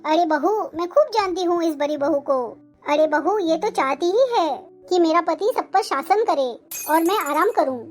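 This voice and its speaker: A woman's voice: very high voice, normal speed, hardly any pauses, soft background music. A woman voicing a scolding, self-pitying old mother-in-law in a cartoon family drama, talking in a melodramatic, complaining way. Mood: vengeful.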